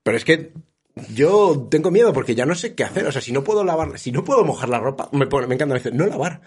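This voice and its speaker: Self-mocking male co-host with a breathy voice, rambling in casual talk. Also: a little high, animated, quick pace, darkish tone. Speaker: podcast co-host. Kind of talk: casual chat.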